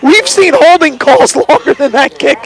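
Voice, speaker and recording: Very high-pitched, creaky male football announcer. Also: normal speed. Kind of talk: live high school football commentary. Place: outdoors at a football stadium.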